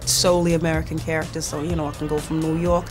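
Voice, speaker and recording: A young woman from Liverpool talks upbeat and chatty to camera in a stable. Her voice sits a little low, with music playing clearly underneath. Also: little pitch movement, fast. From Liverpool, England. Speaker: actress, show contestant. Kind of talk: interview piece to camera. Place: stable with hay.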